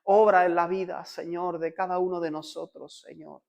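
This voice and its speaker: A Spanish-accented man with a high, light voice leads a church in prayer. His delivery is fervent and pleading, and he keeps returning to short repeated calls to the Lord. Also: fairly even intonation, normal speed, gravelly, darkish tone, highs cut off. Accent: Spanish (Spain). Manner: fervent prayer, repeating "Señor" constantly, rising to urgent pleading. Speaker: pastor. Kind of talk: leading a congregation in prayer.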